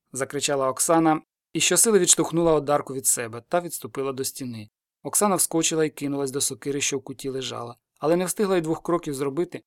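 A man narrating a dark folk tale for an audiobook, moving through it at a brisk, hurried clip. His voice sits a little higher than most men's, and the recording is dry and close, with no room sound. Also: no echo. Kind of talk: scripted story narration.

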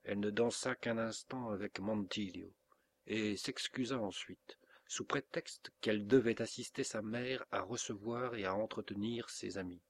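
A man reading a classic novel aloud as an audiobook, in steady, measured narration. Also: fairly low pitch. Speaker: audiobook reader.

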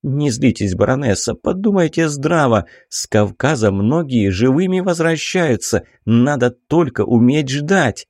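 A man's voice: mid-range voice, lively intonation, a little slow, few pauses, a little mellow, no room sound, clean studio sound, voice pushed up. A man reading an audiobook, voicing a cautious, timid investigator who talks in a hesitant, placating way. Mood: pleading. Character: cautious middle-aged male investigator, timid.

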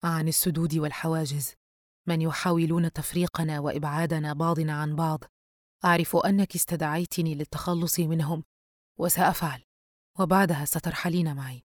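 A woman voicing a possessive male demon of shadow in an audiobook, speaking in a slow, measured, ominous way. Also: sits low, steady tone, no echo, clean studio sound.

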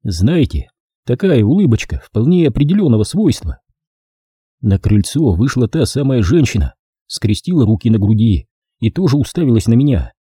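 A man reading an audiobook as scripted narration, with an expressive storytelling delivery and a husky voice. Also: medium pitch, normal speed, dry recording, clean studio sound. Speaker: audiobook reader.

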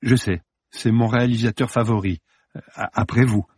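A man's voice: mid-range voice, steady tone, normal speed, a little mellow, breathy edge, dry recording, clean studio sound, natural voice. A man reading the part of a nervous young woman, a film fan, who speaks hesitantly with stammers. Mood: tense hesitant. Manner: hesitant, stammering, then defiant.

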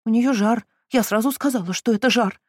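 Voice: mid-range voice, steady tone, fairly quick, a little mellow, no echo, studio quality, voice pushed up, natural voice. A reader voicing an anxious female cousin who moans and whimpers her worries in an audiobook. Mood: whiny. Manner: moaning, whimpering. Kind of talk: audiobook reading.

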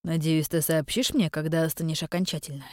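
A hard young crown prince talks in a low, even, deadpan voice with a quiet teasing edge, read by a woman narrating a storybook. The sound is close and dry, with no room around it. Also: a little fast, dry recording, close to an everyday voice. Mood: calm. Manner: calm, deadpan, mildly mocking.

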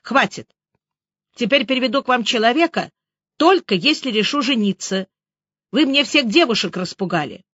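A woman's voice: fairly high pitch, animated, moderate pace, fairly bright tone, breathy edge, dry recording, voice pushed up. A woman narrator voicing a weary, grim middle-aged police major who speaks curtly and tiredly. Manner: curt and tired. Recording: dry, slightly dull audiobook recording.

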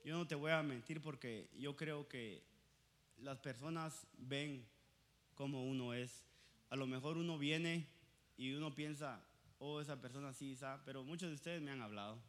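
Fervent young male preacher, bright voice. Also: medium pitch, fairly even intonation, measured pace. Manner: passionate, swings from loud exhortation to quiet confession; slips English words into Spanish. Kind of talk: sermon with personal testimony.

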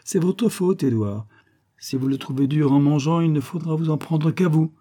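A man's voice: medium pitch, fairly even intonation, moderate pace, dark tone, natural voice. A man reading the part of a fussy older friend who scolds and teases in an audiobook. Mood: grumbling.

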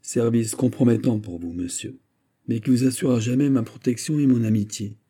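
A man's voice: medium pitch, a little fast, warm tone, breathy edge, voice pushed up. A man voicing a proud, passionate minister in an audiobook reading, speaking in an ardent, declamatory way. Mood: commanding.

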